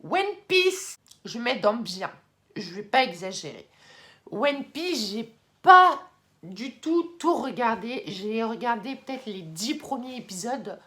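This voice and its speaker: A young woman in casual vlog talk, chatty with many fillers and excited bursts, now and then moving off the mic. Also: on the high side, takes it slowly. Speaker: YouTuber ranking anime. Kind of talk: casual vlog tier list.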